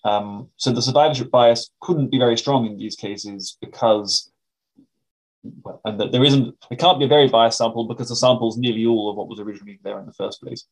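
A man's voice: medium pitch, a little fast, low-quality recording. A British man speaking as an academic interview guest, explaining things in a donnish, carefully qualified way.

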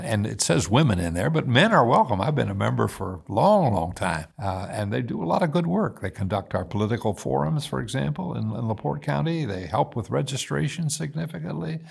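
A man in his eighties, a former mayor, talking in a measured, thoughtful way with frequent pauses as an interview guest. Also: mid-range voice, creaky, slightly rough. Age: 80s. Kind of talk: casual interview talk.

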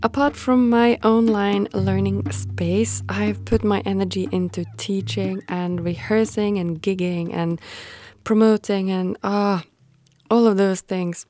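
A woman who teaches cello, hosting a podcast and talking with one of her students in a measured, encouraging way. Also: medium pitch, steady tone, a little mellow, soft background music.

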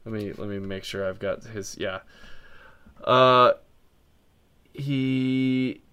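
A man's voice: fairly low pitch, slow pace, sharp tone, clear, resonant tone. A man co-hosting a podcast, chatting casually about music and rambling with frequent ums and restarts. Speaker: podcast co-host.

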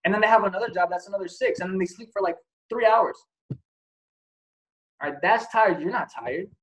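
A man's voice: high-pitched, fairly even intonation, fairly quick, a bit bright, rough recording. A man giving a casual motivational talk as host, blunt and profane, asking many rhetorical questions. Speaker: podcast host.

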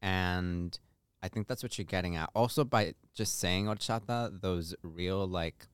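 A man co-hosting a podcast in relaxed, conversational chat. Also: deep voice, unhurried, smooth, dry recording. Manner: relaxed, conversational, uses "like" often. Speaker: podcast co-host. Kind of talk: casual chat.

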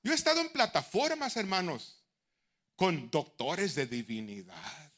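A middle-aged man preaching a sermon in a fairly high, bright, forceful voice. His pitch swings widely, and he moves from hushed asides to loud, driving appeals. Now and then he slips English phrases into his preaching. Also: a little slow. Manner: animated, swings from near-whispers to shouted exhortation. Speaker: bishop and preacher.

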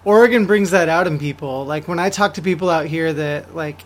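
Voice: mid-range voice, a little fast. A podcast host interviewing a guest casually, with playful banter and frequent laughter.

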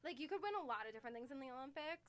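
A young woman chats on a podcast with a high, bright voice. She tells stories with lots of animation, laughing and acting out every line. The sound is close and dry. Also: rapid-fire, no room sound. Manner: animated, laughing, acts out dialogue. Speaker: podcast co-host. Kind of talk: casual chat, storytelling. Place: room in Miami Beach.

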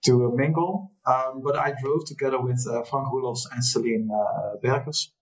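A man with a Dutch accent, chatting casually as a podcast guest, halting with many restarts and frequent laughs. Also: medium pitch, steady tone. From Netherlands. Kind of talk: casual chat. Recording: muffled lo-fi audio, far from the mic.

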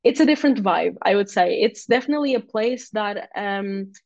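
A guest athlete, this young woman has a Portuguese accent and talks freely in a relaxed interview, laughing easily, restarting sentences, and filling gaps as she goes. Her mid-range voice is gravelly, at a moderate pace, and sounds close, dry, and a little dull and lo-fi, with no echo.

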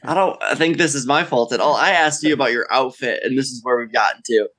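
A man's voice: medium pitch, quick pace, a bit bright. A young man co-hosting a podcast, talking in a rambling, easygoing way and laughing often. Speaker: podcast co-host. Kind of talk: casual chat.

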